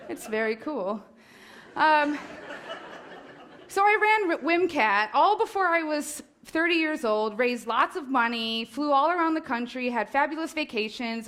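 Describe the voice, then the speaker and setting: A woman's voice: fairly high pitch, a bit bright. A woman in her forties telling a personal story live on stage, nervous, candid and self-mocking, with laughs and fillers.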